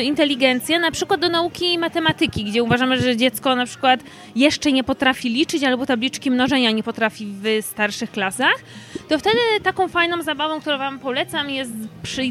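A woman from Poland, her voice sitting noticeably high, talks through child learning methods in an earnest, conversational way. She leans on practical examples as she explains. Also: fairly bright tone. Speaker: child education specialist. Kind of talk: conversational interview answers.

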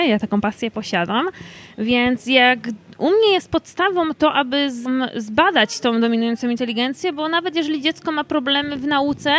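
A woman from Poland, her voice sitting noticeably high, talks through child learning methods in an earnest, conversational way. She leans on practical examples as she explains. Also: fairly bright tone. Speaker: child education specialist. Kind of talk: conversational interview answers.

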